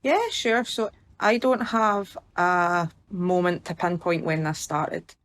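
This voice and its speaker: A woman's voice: on the low side, animated, slow, fairly bright tone. A Scottish woman in her early thirties telling her own story informally as a podcast guest. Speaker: patient guest.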